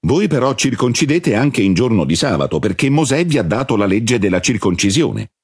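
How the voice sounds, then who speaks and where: A man reading the part of a calm, solemn male religious teacher in a measured, husky voice. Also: mid-range voice, no echo, clean studio sound, voice pushed up.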